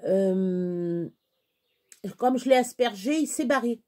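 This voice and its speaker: Woman, middle-aged, mellow warm voice, casual rambling vlog chat, hesitant, many fillers. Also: medium pitch, lively intonation, slow. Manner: chatty, hesitant, many restarts and fillers, baby talk to her dog. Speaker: vlogger.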